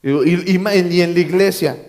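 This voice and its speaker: A male pastor delivers a sermon in a church, his voice sitting somewhat high for a man. He hammers key phrases through repetition and keeps checking in with his listeners. Joking asides lighten the preaching. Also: moderate pace, darkish tone. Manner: emphatic, repeats key phrases, quizzes the congregation, joking asides.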